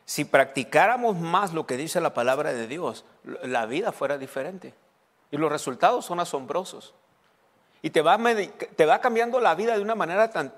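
Pastor guy preaching, kinda high voice, asks the crowd stuff, repeats himself, big echoey church. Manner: preaching to a congregation with questions and repetition. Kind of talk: sermon. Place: church hall.

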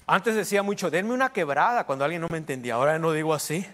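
Preaching quickly in a fairly high voice, a middle-aged pastor keeps things casual and jokey, slipping in short prayers and amens. Gentle instrumental music plays underneath.

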